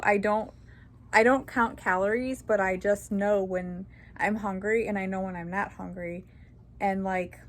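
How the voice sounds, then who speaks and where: A woman's voice: mid-range voice, darkish tone, slight background noise. A woman in her thirties, talking candidly in a casual personal vlog, rambling with lots of fillers. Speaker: vlogger.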